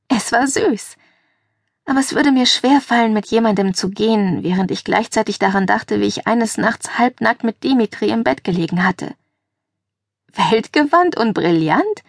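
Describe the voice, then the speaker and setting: A woman's voice: mid-range voice, vocal fry, no room sound. Young woman narrating, dry and close. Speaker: audiobook narrator. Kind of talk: scripted first-person narration. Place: dry recording booth. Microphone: close studio mic.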